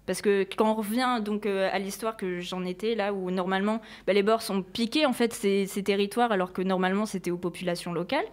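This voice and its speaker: A woman's voice: medium pitch, steady tone, a little fast, hardly any pauses. A young woman presenting history on community radio, casual and chatty, with many fillers and restarts.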